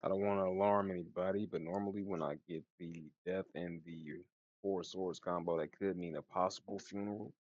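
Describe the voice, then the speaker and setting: Low voiced guy doing a laid-back tarot reading, slangy, bit of a lisp n slur from wearing a retainer, music behind him. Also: fairly even intonation, a little fast, dry recording, lo-fi sound. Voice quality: slightly slurred, lisping speech from wearing a retainer. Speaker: tarot reader. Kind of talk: casual tarot card reading.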